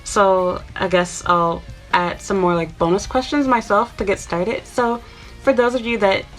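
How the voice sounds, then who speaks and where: Soft background music plays under a rough recording as a Chicago woman in her twenties, a YouTuber, talks casually to camera. Her medium-pitched voice is steady and unhurried, and she rambles chattily with many fillers.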